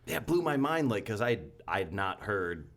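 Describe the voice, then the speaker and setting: A man's voice: lowish voice, very animated, normal speed, fairly bright tone. A man co-hosting a casual podcast, telling long rambling stories full of fillers and restarts. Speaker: podcast co-host. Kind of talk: casual chat.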